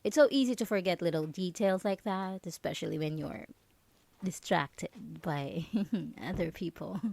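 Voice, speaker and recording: A woman's low, gravelly, slightly mellow voice plays a possessive yandere roommate in an ASMR roleplay audio drama. She coaxes in halting bursts, sweet on the surface and nervously pretending innocence.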